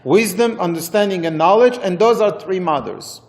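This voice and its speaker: A man with a Moroccan accent teaching an interactive religious text class, halting and repeating phrases for emphasis. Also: high-pitched, a little mellow.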